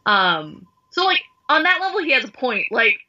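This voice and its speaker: A woman with a bright, higher voice talks through a text with a friend. She peppers her speech with "like" and drops into wry, sarcastic paraphrases of the characters. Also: big pitch swings, normal speed, highs cut off. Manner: chatty, heavy use of "like", sarcastic paraphrase. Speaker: study partner. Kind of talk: casual study discussion.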